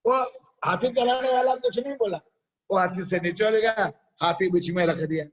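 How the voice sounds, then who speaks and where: A religious preacher delivers a sermon built around a parable, repeatedly pausing to quiz his listeners. His voice sits high, he speaks at normal speed, and the sound is lo-fi.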